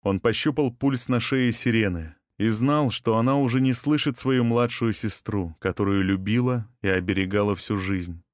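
Low voiced guy reading a tense audiobook, dry and close. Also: moderate pace, hardly any pauses, no room sound. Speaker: audiobook narrator. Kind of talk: dramatic audiobook narration.

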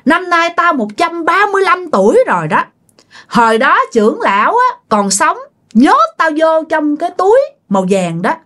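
A woman voicing an angry vengeful old male spirit, with a hoarse raspy voice that sounds aggrieved and threatening. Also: a bit bright. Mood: commanding. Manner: threatening, demanding, high-pitched.

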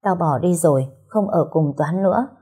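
A woman voicing a timid, polite young wife who pleads softly in a storybook. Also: on the low side, normal speed, breathy edge. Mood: weary.

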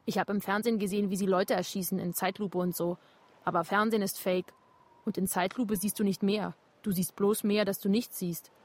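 A woman's voice: mid-range voice, steady tone, brisk, close to an everyday voice. An actress playing a blunt, provoking young woman in a radio drama. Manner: blunt and mocking.

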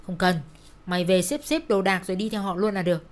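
A woman voicing a cruel, shrill middle-aged mother who screams insults in a storybook reading. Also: animated, quick pace, lightly acted. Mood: mocking. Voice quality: shrill, sharp-tongued.

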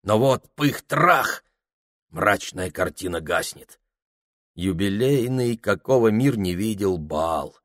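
A man reads a novel aloud in a grave, measured way, taking his time over each phrase in a lowish voice. The sound is close and dry, with no room sound. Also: animated, fairly bright tone, no echo. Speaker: audiobook narrator. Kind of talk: dramatic literary narration.

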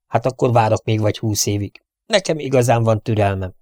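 A man's voice: on the low side, darkish tone, no echo, clean studio sound, natural voice. A man voicing a strict, nagging older housekeeper who scolds her absent-minded employer. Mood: scolding. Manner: scolding, prim and indignant.

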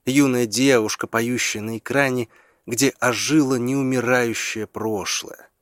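A man narrating a story in a measured, deliberate reading style. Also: medium pitch, steady tone, no echo, studio quality. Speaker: audiobook narrator. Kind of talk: scripted narration.

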